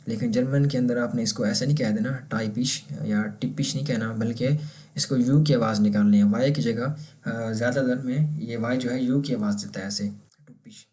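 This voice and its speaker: Teacher, male, Urdu-accented, middle pitch, calm and patient, repeats words slowly to demonstrate them. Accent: Pakistani Urdu. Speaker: German language teacher. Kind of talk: casual explanatory lesson.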